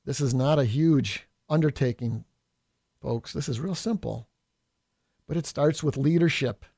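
A man's voice: mid-range voice, measured pace, dark tone, no room sound, studio quality. A middle-aged man from New York State, a state assemblyman hosting a political podcast, delivering a combative, folksy monologue and calling listeners folks.

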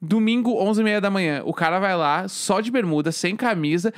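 A man from Rio do Sul, co-hosting a casual chat and telling a long rambling story in a loud, relaxed way. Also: sits high, moderate pace, smooth. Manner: speaks loudly, by his own account.

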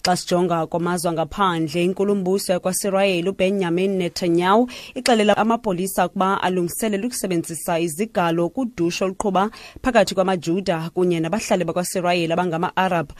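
A woman presents scripted radio news in a South African Xhosa accent. Her delivery is quick and her pitch sits a little low. The sound is close and dry, with very little room to it. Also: steady tone, no echo.

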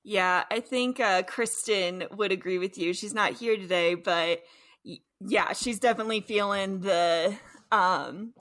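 Slow, hesitant woman panelist. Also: medium pitch, fairly bright tone. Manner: hesitant, with many fillers. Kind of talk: casual chat.

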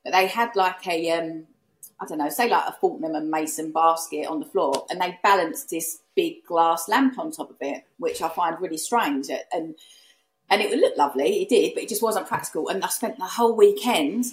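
A woman's voice: fairly low pitch, moderate pace, rough recording. A woman with an Essex accent chatting casually in an interview, telling anecdotes, repeating herself and acting out remarks. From East London and Essex, England. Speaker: podcast guest, serviced accommodation host.

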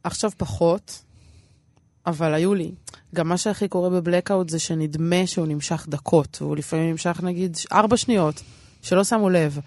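A woman's voice: lowish voice, darkish tone, no echo. A woman with an Israeli accent talking casually as an interview guest, in a rambling, self-deprecating, repetitive way. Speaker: stand-up comedian, interview guest.

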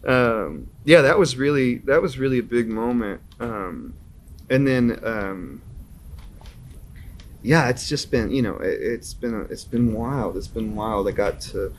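A man's voice: mid-range voice, expressive, a little slow, slight background noise. A man in his thirties, a musician guest telling stories in a casual interview, laughing often and acting out his own reactions. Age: 30s.

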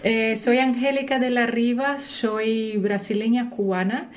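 Slow-speaking woman guest. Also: a little high, fairly even intonation. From Brazil. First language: Portuguese. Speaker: guest opera soprano. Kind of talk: casual interview.

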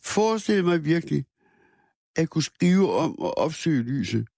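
A man narrates a first-person story in a measured, somber reading voice. His tone sits a little high for a man and carries a gravelly, creaky texture. The sound is close and dry, with no room around it. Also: very animated, dark tone, dry recording. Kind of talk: first-person literary narration read aloud.

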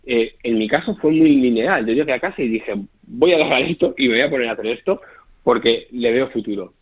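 Fast-talking man, tinny audio. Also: medium pitch, animated, breathy edge. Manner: fast, explanatory, checks with listener. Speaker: poker coach guest. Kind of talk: podcast interview.

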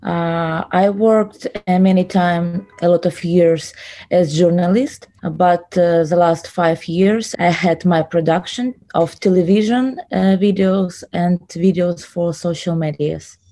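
A woman from Ukraine speaking English with a Ukrainian accent, answering interview questions haltingly with many "uh" fillers. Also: lowish voice, steady tone, warm tone. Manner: hesitant, many pauses and "uh" fillers. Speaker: interview guest.

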